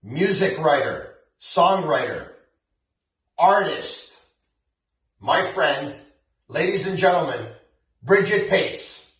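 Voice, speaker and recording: A radio host gives an earnest, grateful introduction for a charity show. His voice sits fairly high. He sounds set back from the microphone in a very echoey space. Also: very animated, slow pace, long pauses, fairly bright tone. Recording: very echoey, distant from the mic.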